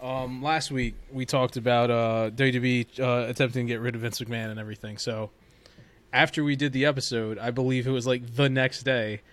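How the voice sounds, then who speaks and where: A man with an average-pitched voice hosts a casual podcast. He tells things in a loose, rambling way, feeling his way through the details as he goes. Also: steady tone, fairly quick, fairly bright tone. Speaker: podcast host. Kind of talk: casual chat about wrestling news.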